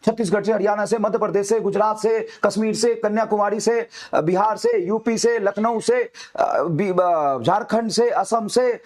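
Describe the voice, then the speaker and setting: A man, a teacher, giving a fiery motivational talk to students, repeating his urgings over and over and dropping low and soft for emphasis. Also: normal speed, hardly any pauses. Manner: fiery, repetitive exhortations.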